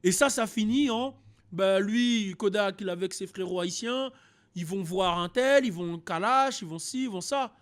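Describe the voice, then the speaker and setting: A young man from France talks through rap news in a loose, animated way. His voice sits high, and he fills gaps with hesitations and quick restarts. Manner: animated, frequent fillers and restarts. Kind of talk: casual commentary video.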